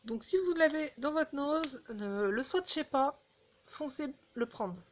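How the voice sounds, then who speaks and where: A woman casually chatting through a beauty haul, halting with fillers and restarts, recorded on a phone indoors. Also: high-pitched, expressive, a little hiss or hum. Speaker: beauty vlogger.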